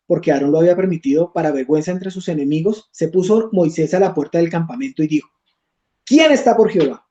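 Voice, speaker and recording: Bible teacher, man, mellow tone, lo-fi stream sound, reads passages and checks in often. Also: a little high. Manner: reads scripture aloud, checks in with "¿listo?". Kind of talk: online Bible study class.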